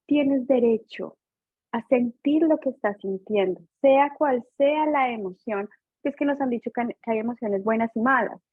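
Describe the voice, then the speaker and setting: A woman's voice: on the high side, no echo. Woman on a tinny phone-like call line. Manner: earnest, explanatory. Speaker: participant. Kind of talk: video call sharing.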